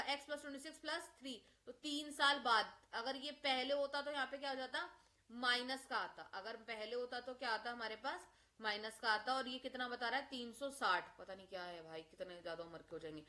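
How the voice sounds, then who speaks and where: A woman's voice: high voice, bright, forceful tone. A woman teaching a maths lesson, explaining step by step and asking questions that she answers herself. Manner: addresses students as beta. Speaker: maths tutor.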